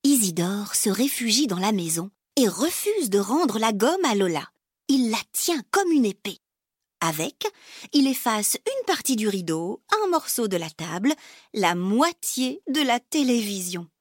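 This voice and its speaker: A woman reading a children's story aloud in a slow, expressive way, often dropping to a whisper. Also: on the high side, slightly rough, no room sound, studio quality.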